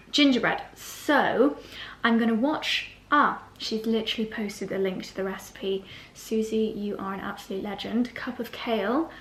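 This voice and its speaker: A woman's voice: on the high side, reverberant, poor audio. A British woman chatting casually to viewers in a vlog, with a slight lisp and whistling s from a dental brace. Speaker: lifestyle vlogger.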